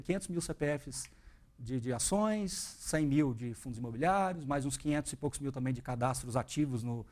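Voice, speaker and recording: A man in his thirties from Brazil talks as an interview guest, quick and earnest. His voice sits a little high and the words tumble out fast. He quotes his own past thoughts aloud as he tells the story. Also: a little mellow. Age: 30s. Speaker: guest, investment educator.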